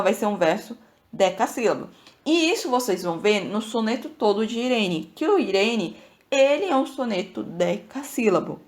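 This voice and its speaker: A woman from Brazil hosting a podcast lesson, casually explaining verse and counting syllables aloud, often checking in with her listeners. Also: mid-range voice. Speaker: podcast host teaching literature.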